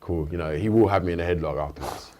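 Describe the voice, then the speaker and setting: A man's voice: deep voice, fast talker, warm tone. A man from the UK, a rapper, talking casually and thoughtfully as a studio interview guest, often restarting his sentences. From United Kingdom. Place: radio studio.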